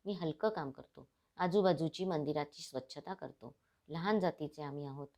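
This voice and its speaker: A woman's voice: sits low, normal speed, mellow. A woman reading the part of a humble male temple sweeper in a storybook narration.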